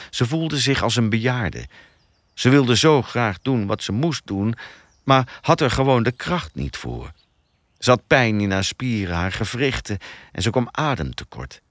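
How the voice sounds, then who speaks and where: Brief: male audiobook narrator, lowish voice, lively intonation, dry close sound. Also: no room sound. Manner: expressive storytelling.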